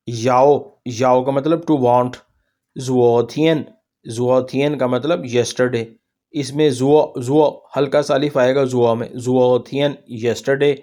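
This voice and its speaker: A man's voice: medium pitch, a little mellow. A man with a Pakistani Urdu accent teaching pronunciation over slides, patiently repeating each word for practice. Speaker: language teacher. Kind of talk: slide-based pronunciation lesson.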